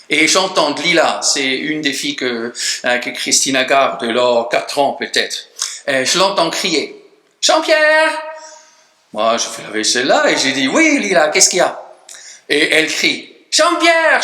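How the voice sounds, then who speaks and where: Bright high-voiced pastor preaching slow in an echoey church, emphatic. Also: male voice. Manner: emphatic, drops low at phrase ends. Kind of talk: sermon. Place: church hall.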